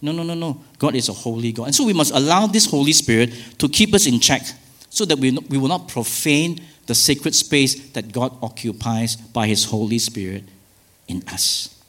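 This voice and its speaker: A man's voice: mid-range voice, lively intonation, normal speed, a bit bright. A male pastor preaching a sermon, emphatic, with rhetorical questions and asides.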